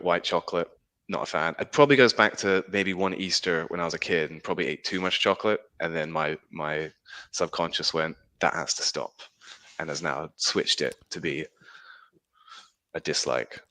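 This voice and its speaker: A man's voice: sits low, moderate pace, pushed and bright. A young man from Singapore, a guest in a casual chat, thoughtful and a bit hesitant, often repeating words.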